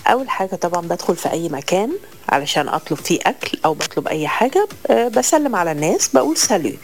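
A woman with an Egyptian Arabic accent gives a radio French lesson. She repeats each French phrase slowly and spells words out letter by letter. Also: lowish voice, very animated. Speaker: French language teacher.

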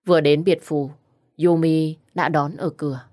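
Low-voiced woman narrating. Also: steady tone, a little slow, darkish tone. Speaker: storyteller. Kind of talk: audio story narration. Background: faint music.

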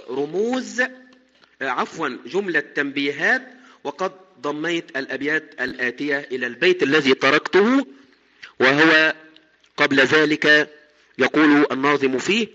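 A man teaching a lesson on Quran recitation, explaining each point step by step, repeating key terms and chanting quoted verses slowly. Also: on the high side, sharp tone, big-room sound, lo-fi sound.

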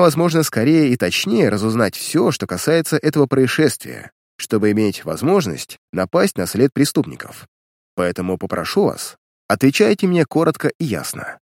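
A man voicing a calm adult detective who speaks dryly and curtly in a storybook reading. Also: mid-range voice, moderate pace, no echo, pitched above the performer's own voice. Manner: calm, dry and curt. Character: calm, dry-spoken adult male detective.

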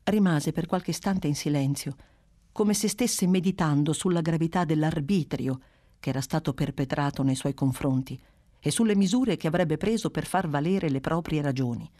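A reader giving a measured, expressive literary narration. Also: medium pitch. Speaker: audiobook reader.

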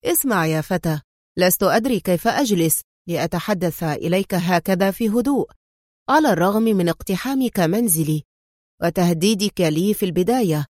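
A woman voicing a weary middle-aged man, despairing yet resolute, speaking low and with halting emotion. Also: darkish tone, dry recording, studio quality, natural voice.

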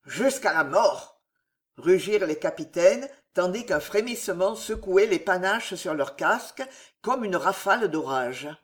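Slow, measured audiobook narrator. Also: mid-range voice, expressive. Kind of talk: audiobook reading of a novel.

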